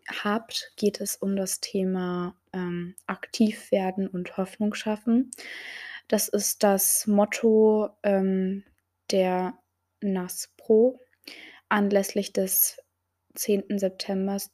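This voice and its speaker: Young woman, podcast host, slow and halting, lots of filler sounds. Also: mid-range voice, mellow. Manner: hesitant, many filler sounds, reads out quotes. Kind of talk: solo podcast talk.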